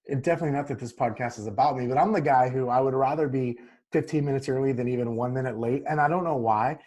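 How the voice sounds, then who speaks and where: A man hosting a podcast, asking questions in a relaxed, friendly way with frequent restarts. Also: medium pitch, fast talker, highs cut off. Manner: easygoing, repeats and restarts, friendly. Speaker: podcast host. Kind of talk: casual interview.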